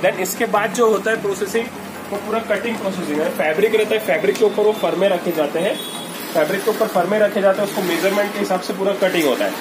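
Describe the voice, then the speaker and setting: A man's voice: sits high, fast. A man, a workshop owner, explaining his process step by step and mixing in English words. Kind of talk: casual explanation. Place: car seat cover workshop, indoors. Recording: loud workshop noise.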